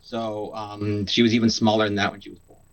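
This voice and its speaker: A man's voice: lowish voice, completely flat delivery, a little fast, poor audio. A young man from Canada, telling a personal story in a casual interview, earnest, with many fillers and restarts. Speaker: guest.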